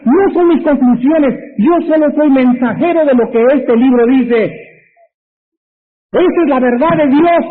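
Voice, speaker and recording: A Mexican man delivers a sermon in a strikingly high voice, driving his points home with emphatic rhetorical questions. The sound is thin and narrow, like a phone line. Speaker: pastor.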